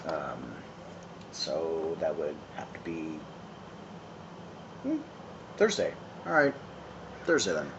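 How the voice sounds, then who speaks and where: A man in his thirties talking casually to a phone camera outdoors, smoking, with many pauses and restarts. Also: a bass voice, wildly swooping pitch, dull audio. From San Francisco, California. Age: 30s. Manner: halting, many ums and restarts, conversational. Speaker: vlogger. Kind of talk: casual rambling monologue. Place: outdoors in town, evening. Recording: phone video with clear background noise.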